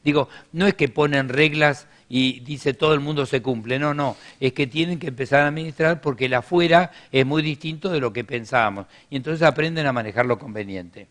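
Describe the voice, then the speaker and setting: Guy w explaining stuff at a workshop, steady middle voice, lots of "este". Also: mid-range voice. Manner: measured explaining, frequent "este" fillers. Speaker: workshop speaker. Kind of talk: business workshop talk.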